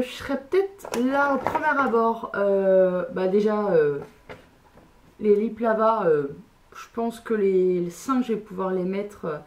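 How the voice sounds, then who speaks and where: A woman's voice: mid-range voice, darkish tone. Chatty woman vlogger with many fillers. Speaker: beauty vlogger. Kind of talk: casual makeup haul unboxing.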